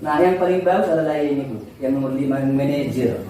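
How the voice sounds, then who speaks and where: A man's voice: mid-range voice, a little fast, warm tone. A man, a teacher, giving an informal presentation to colleagues in a conversational way, often acting out exchanges with students. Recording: echoey room, far from the mic, faint noise.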